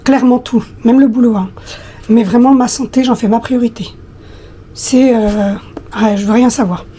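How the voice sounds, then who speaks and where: A woman in her thirties with a husky, slightly hoarse voice, chatting casually to her viewers with many hesitations. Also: on the high side, steady tone, moderate pace, dark tone, a little hiss or hum. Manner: hesitant, many fillers, talks directly to viewers. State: hoarse after flu, coughing. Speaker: lifestyle vlogger.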